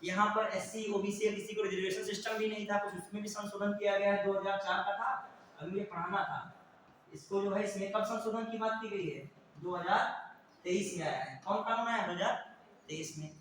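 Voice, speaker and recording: High-voiced male teacher lecturing and quizzing students, recorded from afar in a booming room with faint noise. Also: fairly even intonation, brisk, fairly bright tone. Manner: quizzing, repeating key answers. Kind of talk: classroom lecture with questions to students. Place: classroom. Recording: echoey classroom from far off.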